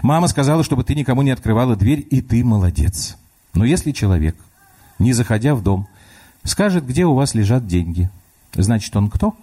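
Man voicing a weary father, mellow husky voice, impatient, pleading. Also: medium pitch, very animated, brisk, voice pushed up. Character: exasperated harried young father.

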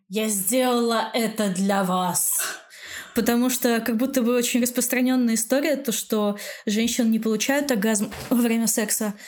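A woman's voice: a little high, darkish tone. A woman podcast co-host who burrs her R sounds, chatting casually and candidly in a frank, joking, profane way.

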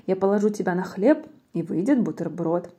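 A woman voicing a big, hungry male monster in a rhyming storybook, speaking gruffly and lower. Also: animated, brisk, dark tone. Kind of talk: storybook reading in verse.

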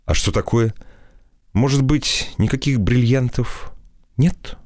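A man's voice: mid-range voice, slow, a little mellow, dry recording, studio quality, voice pushed up, close to an everyday voice. A man voicing an anxious older male companion who talks in a timid, ingratiating way.

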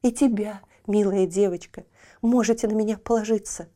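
A woman's voice: medium pitch, steady tone, moderate pace, mellow, pitched above the performer's own voice, natural voice. Woman playing an eager, gushing dog. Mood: adoring. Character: devoted, excitable male dog.

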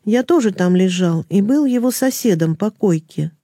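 A woman's voice: mid-range voice, animated, moderate pace, dark tone, no echo, clean studio sound. A woman voicing a weary, mud-spattered male laborer who brings bad news and talks plainly and sympathetically. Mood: urgent.

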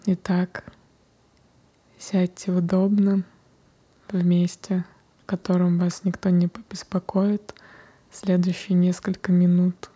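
A woman guides a breathing meditation in a soft, breathy whisper. Her voice is dark and mellow, and it stays low and even, with almost no rise or fall. She moves very slowly and unhurriedly. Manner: soft whispered, slow and calm.

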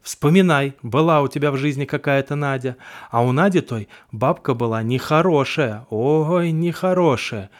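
A man's voice: mid-range voice, normal speed, lightly acted. A man voicing a stern old village healer woman who scolds and barks orders. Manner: harsh, commanding shouts.

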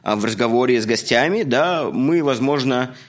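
This podcast co-host, a Russian man in his thirties, chats casually and earnestly, leaning on fillers. His mid-range voice carries lively intonation at a moderate pace.

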